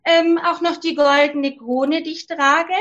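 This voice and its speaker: A woman doing a high, hesitant young princess. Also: fairly even intonation, a little slow, a bit bright, lo-fi sound. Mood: eager. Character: young princess, spoiled and tearful.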